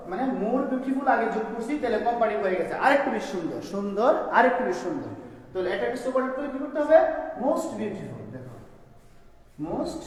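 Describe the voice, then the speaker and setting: A man teaching a classroom grammar lesson, explaining step by step and asking his students questions as he goes. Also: extremely high pitch. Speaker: school teacher. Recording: echoey room, long reverb.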